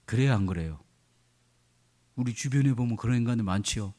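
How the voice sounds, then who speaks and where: A man's voice: medium pitch, brisk, a little mellow. A man preaching a sermon as a pastor. He acts out quoted prayers and keeps asking the congregation questions.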